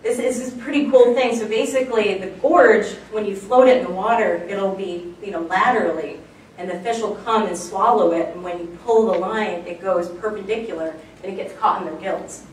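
A woman's voice: medium pitch, moderate pace. Enthusiastic woman lecturer, casual with fillers, recorded from afar in a roomy hall with faint noise. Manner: chatty and enthusiastic, many fillers. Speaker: archaeology lecturer. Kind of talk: public slide lecture. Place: lecture room, recorded from far off. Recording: very echoey room, distant mic, faint background noise.

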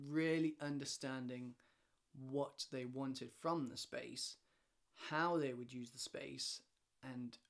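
A man in his thirties speaks to a camera set up in a homely living room, explaining his firm's work in a loose, conversational way. He often backtracks and restarts, filling gaps with small hesitations, and his voice sits at an ordinary middle pitch. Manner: chatty, rambling with many restarts and fillers, gestures a lot. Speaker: lighting design company director. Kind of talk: casual talking-head explainer. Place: home living room with shelves and a stove. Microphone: camera in front, head and shoulders framing.

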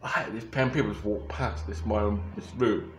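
Fairly low-voiced and speaking at a normal speed, this young YouTuber wanders through his photo-reaction vlog, often starting over and fixing what he said. The webcam or phone sits close to him in a small bedroom, and the sound is reverberant with a little hiss or hum.

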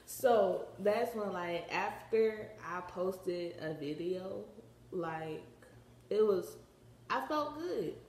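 A woman's voice: mid-range voice, lively intonation, extremely slow, darkish tone, reverberant. Chatty teenage girl with a retainer. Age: teens. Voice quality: slight lisp from a retainer. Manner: rambling, slangy, many filler words. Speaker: vlogger. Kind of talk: casual vlog chat.

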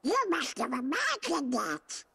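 A man voicing a cranky, bossy little cartoon duck with a squawky, quacking, garbled rasp in a game. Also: extremely high pitch, huge pitch swings, a little slow, sharp tone, heavily acted. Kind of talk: video game cutscene acting.

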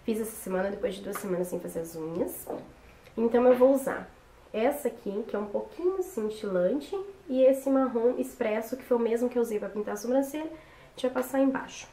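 Casual tutorial host: young woman, voice hoarse from a cold, recorded in a roomy bedroom with faint noise. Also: a little high, a little fast, warm tone. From Brazil. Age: young adult. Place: small bedroom, indoors. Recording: roomy echo with background noise.

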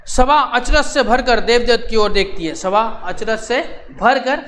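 A man's voice: extremely high pitch, unhurried, fairly bright tone, a little hiss or hum. A male teacher reading a play aloud in a lesson, repeating each line and then paraphrasing it in plain words.

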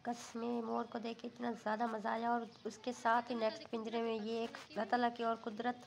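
A woman's voice: fairly high pitch, monotone, brisk, gravelly, heavy background noise. Chatty woman narrating a family outing. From Pakistan. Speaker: vlogger. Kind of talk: casual voice-over narration.

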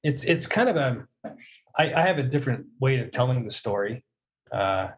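A middle-aged Canadian music producer and audio mixer, appearing as a guest on a video call from an indoor room, tells casual stories and animatedly acts out bits of dialogue. His voice is mid-range at a moderate pace.

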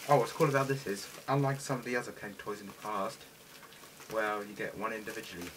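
A man's voice: on the low side, steady tone, quick pace, distant mic. A British man gives casual, eager commentary while unboxing toys at home. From Britain. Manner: chatty, eager toy-collector enthusiasm. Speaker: toy reviewer. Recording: noisy home recording with clicks.

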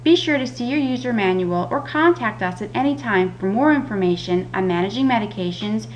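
A woman's voice: medium pitch, lively intonation, fairly quick, muffled recording. A woman giving scripted instructional narration as a patient education specialist. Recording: audible background noise with hum.

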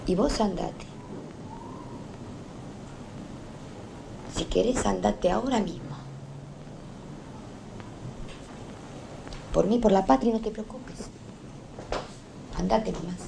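A woman's voice: medium pitch, moderate pace, creaky. An actress playing a stubborn, patriotic working-class mother with a Rioplatense Argentine accent, talking in an emotional, insistent way. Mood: wistful. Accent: Rioplatense Argentine Spanish. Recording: 1980s film soundtrack, faint hiss.

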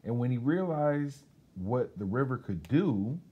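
A middle-aged American man from Detroit, a radio station employee visiting as a guest storybook reader, casually reads a children's picture book aloud while seated indoors in a school library. His mid-range voice has lively intonation and an unhurried pace, though the recording sounds muffled.

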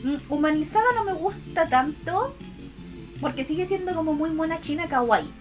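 A woman with a Chilean accent chatting casually on a livestream to her viewers, expressive and affectionate in a cutesy, girlish e-girl manner. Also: very high voice, normal speed. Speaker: VTuber art streamer. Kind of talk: casual livestream chat, reading and answering viewers' comments. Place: indoors at a computer. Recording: music behind the voice.

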